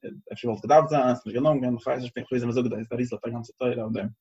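A husky-voiced man teaches a Torah class, thinking out loud and circling back over his words as he reasons. The recording is dull and lo-fi. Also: medium pitch, steady tone. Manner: halting, searching, repeats phrases while reasoning.

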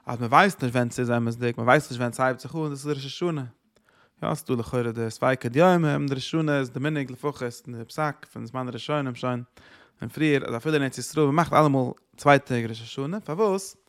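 Gravelly-voiced man teaching with emphasis. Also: medium pitch, fast talker. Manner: emphatic, rhetorical questions, swings between loud and soft; mixes in English words. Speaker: Torah teacher. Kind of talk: Talmudic lecture.

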